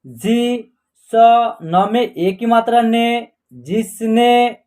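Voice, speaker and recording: A man's voice: very high-pitched, darkish tone. A man teaching an online Hindi lesson, patiently sounding out letters and words one at a time. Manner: slow and patient, repeating and sounding out each letter.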